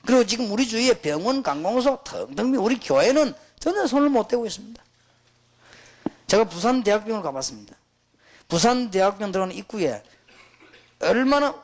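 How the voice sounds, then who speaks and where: A middle-aged man, preaching to pastors in an emphatic, storytelling way. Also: high-pitched. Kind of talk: sermon to pastors.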